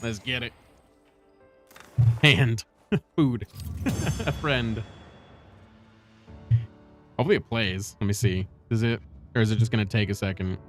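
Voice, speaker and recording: A man's voice: lowish voice, a little slow, long pauses. A man streaming a game, chatting casually, laughing often and reacting to chat. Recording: game music in the background.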